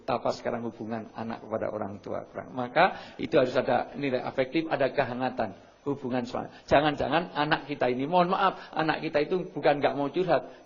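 Man giving a lively lecture. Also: mid-range voice, lo-fi sound. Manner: lively storytelling, often says sorry before points. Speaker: speaker on parenting and family values. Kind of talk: religious parenting lecture to an audience.

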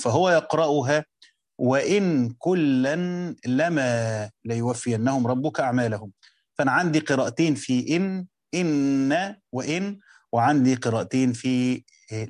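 A man's voice: mid-range voice, no echo. Egyptian man teaching, dry close sound. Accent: Egyptian Arabic. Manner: explains step by step, repeating words and reading quotes slowly. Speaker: teacher of Quranic exegesis. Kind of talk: classroom lecture with text reading.

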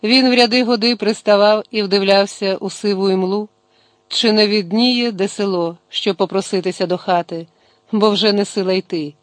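A man reading a novel aloud as an audiobook in measured, expressive narration. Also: high voice, no echo. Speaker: audiobook reader. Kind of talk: scripted narration.

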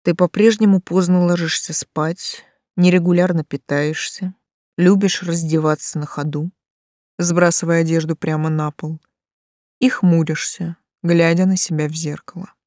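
A woman voicing a calm, stern male angel of death who speaks slowly and levelly, with a mocking edge. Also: on the low side, dry recording, studio quality, natural voice.

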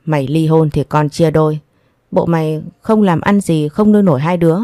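A woman's voice: low-pitched, fairly even intonation, moderate pace, dark tone, no room sound, studio quality, natural voice. A woman voicing an angry, cold husband in an audio story, speaking harshly and with contempt. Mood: coldly mocking. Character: angry, cold adult husband in a marital fight.

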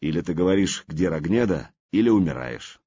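A man's voice: a little fast, slightly rough, muffled recording, exaggerated voice. A man doing a bold young warrior with a Norse accent. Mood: threatening. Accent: Norse-tinged Old Russian speech. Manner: low, steady, menacing calm. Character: bold young male warrior, daring and joking.

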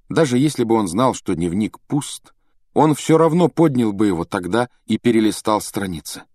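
A man's voice: fairly low pitch, a little mellow, dry recording, clean studio sound. A man reading a novel aloud as an audiobook narrator, telling the story steadily and expressively. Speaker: audiobook reader.

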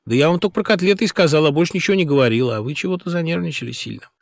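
A man's voice: a little high, racing, vocal fry, no echo, studio quality, pitched above the performer's own voice. A man voicing a young male chauffeur who cheerfully needles his boss with feigned innocence. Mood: teasing. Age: young adult.

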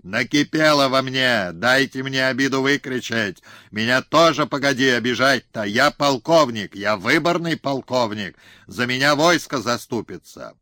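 A man's voice: a little slow, fairly bright tone, no room sound, clean studio sound. Man doing a nasal, whining Cossack rogue. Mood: hysterical. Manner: shrill hysterical outbursts. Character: whiny scheming Cossack colonel, nasal, stammering. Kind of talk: audiobook character reading.

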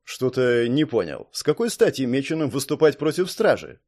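A man reading aloud, voicing the stern male head of a watch service who speaks slowly and gives curt commands. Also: mid-range voice, big pitch swings, a little mellow.

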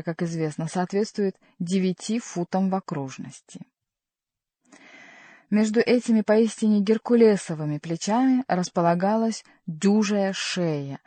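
Dark-voiced woman reading a novel. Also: mid-range voice, no room sound. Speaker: audiobook reader. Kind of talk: scripted narration.

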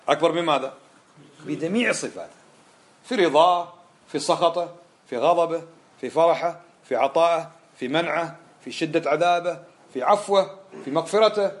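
A man giving an impassioned religious lecture as a teacher, firing off rhetorical questions. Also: a little high. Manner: fiery, fires off rhetorical questions.

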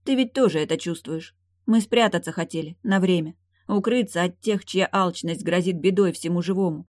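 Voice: medium pitch, moderate pace, dry recording, studio quality, natural voice. A reader voicing an earnest elder lake maiden in an audiobook, speaking firmly. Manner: firm, earnest.

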